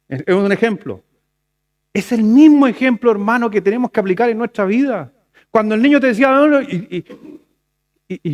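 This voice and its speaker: A male pastor with a Chilean Spanish accent preaching a sermon in a conversational way, rising to loud emphatic lines and dropping to soft asides. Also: sits high.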